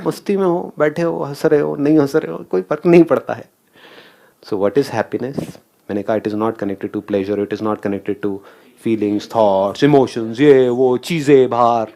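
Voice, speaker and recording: A man's voice: fairly high pitch, moderate pace, gravelly, darkish tone. A man giving a motivational talk, asking the audience questions and mixing English phrases into his speech. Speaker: motivational speaker.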